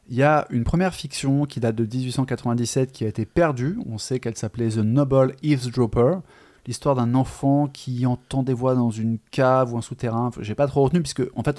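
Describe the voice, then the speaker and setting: A man's voice: mid-range voice, warm tone. Chatty hesitant man discussing books. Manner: hesitant, many fillers and restarts, chatty. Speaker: podcast co-host. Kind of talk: casual literary discussion.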